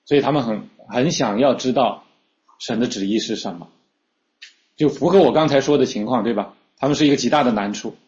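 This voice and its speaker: A male preacher delivers a teaching sermon in a relaxed, conversational manner, often pausing on fillers and restarting his phrases. His voice sits at an ordinary middle pitch, and the recording sounds a little dull and lo-fi. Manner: conversational teaching, frequent fillers and repeated starts.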